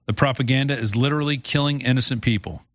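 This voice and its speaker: An American man hosts a call-in radio show in an informal, conversational style. His pitch is average for a man, and he talks reflectively. The sound is dry, with no room echo. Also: quick pace. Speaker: talk show host.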